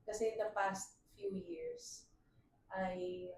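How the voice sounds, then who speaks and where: A woman's voice: mid-range voice, extremely slow, vocal fry. A woman, co-hosting a podcast in casual chat and laughing often as she mixes English into her talk. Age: 30s. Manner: animated, laughing, switches between Tagalog and English. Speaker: podcast co-host. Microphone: failing microphone, speaking loudly. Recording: echoey room, distant mic, faint hiss.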